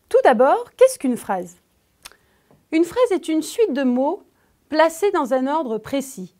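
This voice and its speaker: A woman's voice: sits high, mellow. A woman with a French accent teaching a grammar lesson to children, speaking to the pupil directly and stressing key words. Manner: slow, emphatic, addresses the pupil directly.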